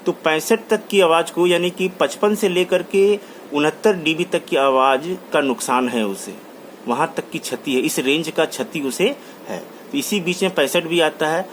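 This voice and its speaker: A college lecturer speaks at normal speed in a slightly high voice, teaching in Hindi mixed with English terms. He restates each point and repeats key terms, with a little background noise present.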